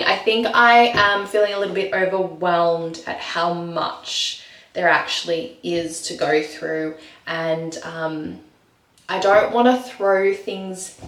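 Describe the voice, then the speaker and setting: A woman's voice: mid-range voice, roomy sound, distant mic. A woman in her thirties talks unhurriedly to the camera, filling her sentences with ums and likes. She is in her bathroom, and the sound bounces around the room. She sits a little back from the mic. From Australia. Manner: chatty, many ums and likes. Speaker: vlogger. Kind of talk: casual vlog chat. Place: home bathroom.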